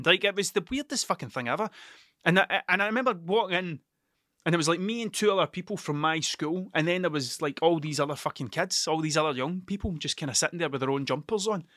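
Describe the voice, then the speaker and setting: Casual male monologue, broad Scottish accent from Ayrshire, forceful bright tone, dry close sound, sweary and blunt. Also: sits high, animated, quick pace, no room sound. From Scotland, Ayrshire. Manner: sweary, blunt, self-questioning.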